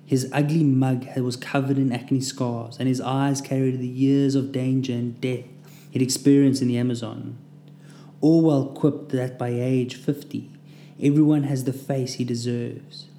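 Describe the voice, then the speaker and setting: A man's voice: medium pitch, little pitch movement, measured pace, warm tone, a little hiss or hum. A man narrating his own war memoir in a vivid, dramatic storytelling manner. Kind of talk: scripted first-person memoir narration. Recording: roomy echo.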